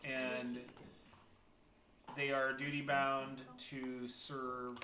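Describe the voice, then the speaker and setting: A man running a tabletop game as game master, narrating slowly with many fillers and hesitations. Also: medium pitch, completely flat delivery, crowd noise. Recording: echoey room, faint noise.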